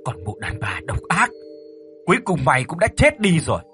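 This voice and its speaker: A man's voice: fairly high pitch, wildly swooping pitch, normal speed, fairly bright tone, soft background music, voice pushed up. A man voicing a vengeful male official who curses and cackles over his dead wife in a told ghost story. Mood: gloating fury. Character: vengeful middle-aged male official, gloating and cruel.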